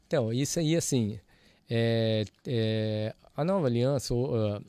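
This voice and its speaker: A man shares a church testimony in a lively, conversational way. He plays out both sides of the conversations as he tells the story. His voice sits in a middle pitch and sounds dry and close. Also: measured pace, clear, resonant tone, dry recording. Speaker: guest, church audio ministry leader.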